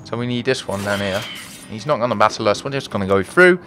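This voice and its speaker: A man's voice: on the low side, fast talker, fairly bright tone, a little hiss or hum. A man hosting a let's play video, chatting, thinking aloud, and joking at his own expense as he plays. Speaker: gaming video host.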